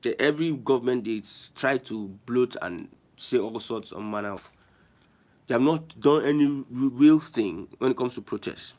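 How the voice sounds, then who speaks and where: A man's voice: mid-range voice, moderate pace, a little mellow. A Nigerian man hosting an online show, giving emphatic, repetitive political commentary and reading viewer comments. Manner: emphatic, repeats phrases, restarts often.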